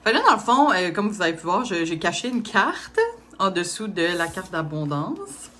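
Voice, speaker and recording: A woman's voice: fairly low pitch, big pitch swings, normal speed, bright, forceful tone. A woman reading tarot cards, speaking casually with many hesitations and small laughs. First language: French. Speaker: tarot reader.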